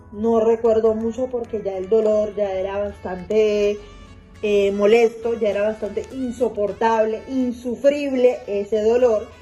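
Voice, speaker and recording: A woman's voice: fairly high pitch, dark tone, highs cut off. A woman telling a personal story in a casual monologue. She rambles, repeats herself and uses many fillers.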